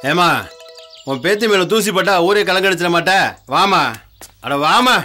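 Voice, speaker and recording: A middle-aged police chief who speaks to his family with patient, teasing calm. His voice is bright and sits a little high. Soft music plays underneath. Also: normal speed. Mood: coaxing. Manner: patient, coaxing, gently teasing.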